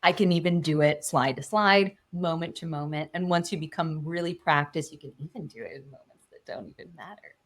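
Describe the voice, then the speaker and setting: A woman public speaking coach on a podcast, talking in an expressive, animated way and shifting her tone often. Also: sits low, a little fast, hardly any pauses.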